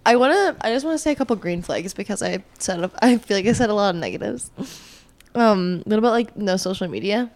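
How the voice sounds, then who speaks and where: A woman's voice: medium pitch, animated, fairly quick, darkish tone. Chatty young woman telling stories. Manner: chatty storyteller, laughs while telling. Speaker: podcast co-host. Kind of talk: casual chat.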